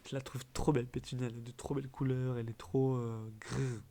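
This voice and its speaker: A young man chatting casually as a gaming video host, giving blunt quick verdicts with trailing fillers. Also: medium pitch, flat delivery, gravelly, dark tone. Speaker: gaming YouTuber. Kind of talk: casual commentary.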